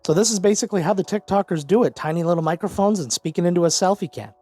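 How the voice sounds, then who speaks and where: A man's voice: high-pitched, rapid-fire, a little mellow, faint music behind, some chatter behind. A man who is a YouTuber, giving a casual, upbeat and joking unboxing review of audio gear. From Canada.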